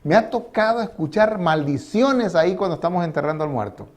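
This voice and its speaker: A pastor delivers his sermon in a noticeably high voice, stopping often to ask his listeners questions. He acts out little quotes as he goes, moving between loud calls and quiet asides. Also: lively intonation, fairly quick. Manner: preaching with rhetorical questions and acted quotes.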